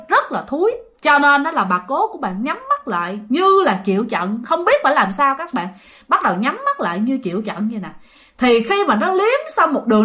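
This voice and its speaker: A woman telling a ghost story in a casual way, talking straight to her listeners. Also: high voice. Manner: animated, addresses listeners directly.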